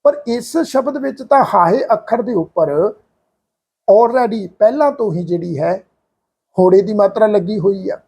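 A man with an earnest, explanatory manner, teaching the correct pronunciation of scripture and slowly chanting example lines. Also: high-pitched, expressive, a little mellow, breathy edge. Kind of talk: religious pronunciation lesson.

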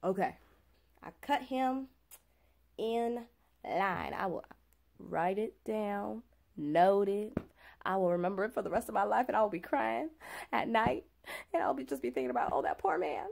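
A woman in her twenties tells a story in a casual vlog, chatty and animated, often saying "like" and "okay?". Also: medium pitch, a little slow, vocal fry, long pauses. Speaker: vlogger.

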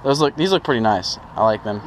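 A young fishing vlogger with a lowish, expressive voice chats quickly in informal, slangy first person, filmed outdoors on an action camera. He talks at a car trunk and then on a small boat on a pond, and the audio is clearly noisy.

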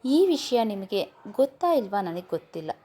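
A woman's voice: mid-range voice, sing-song, normal speed, mellow. A woman voicing a young man, a loyal and caring friend who talks earnestly in a storybook reading. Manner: earnest, pleading.

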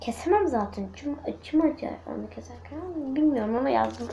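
A young woman vlogging at home, chatty and excitable, talking straight to her viewers. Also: high voice, a little fast, gravelly, a little hiss or hum, rough recording. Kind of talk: casual home vlog. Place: at home indoors.

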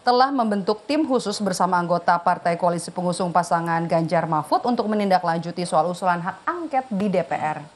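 A woman news anchor reading the news in a steady, formal delivery. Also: fairly low pitch, brisk, hardly any pauses.

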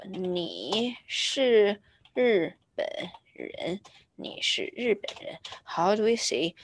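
A woman teaching a beginner Chinese lesson, patiently repeating each word slowly as she explains. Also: mid-range voice. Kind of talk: slow screen-share language lesson.

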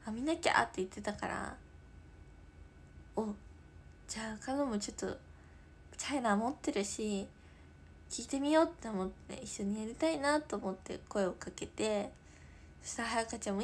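A teenage girl streaming live in her room, chatting casually, reading viewer comments aloud and drifting into soft whispers. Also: fairly high pitch, slight background noise. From Japan. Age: teens. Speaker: idol livestreamer.

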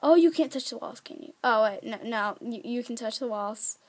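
A woman giving casual, excitable commentary while playing a game, chatty and prone to squeals. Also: on the high side, moderate pace. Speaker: gaming video creator.

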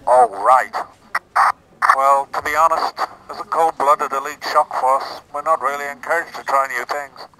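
A man playing a disillusioned, hapless Imperial soldier in a comic parody film, hesitant and deadpan, his voice filtered as if from inside a knight-like helmet. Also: fairly high pitch, moderate pace, poor audio. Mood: glum, hesitant. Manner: hesitant, deadpan, polite and self-doubting. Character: disillusioned, hapless Imperial Stormtrooper seeking a new career.

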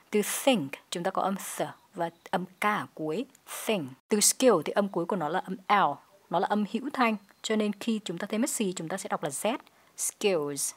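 A woman teacher giving an English pronunciation lesson, explaining in Vietnamese and saying the English phrases slowly and deliberately. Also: medium pitch.

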